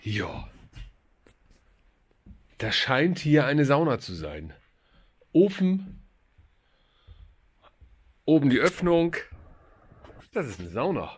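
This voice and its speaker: A man's voice: medium pitch, sing-song, slow, pauses often, breathy edge, no echo. A man in his fifties filming himself at arm's length outdoors, chatting casually as a travel vlogger and often correcting himself. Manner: chatty, rambling, self-correcting. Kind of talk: casual vlog commentary. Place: outdoors by a lake and in a wooden hut. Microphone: camera held at arm's length.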